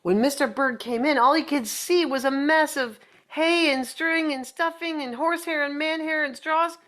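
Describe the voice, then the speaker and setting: A woman's voice: high-pitched, moderate pace, fairly bright tone. A woman reading a children's picture book aloud, playfully chatting to young listeners in little asides. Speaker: storybook reader.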